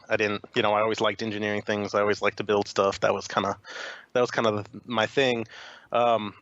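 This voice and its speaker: A young man from Chicago, USA, speaks at a medium pitch with a slightly bright tone, recorded lo-fi with no echo. He's a podcast guest in a casual interview chat, rambling along with lots of fillers and restarts.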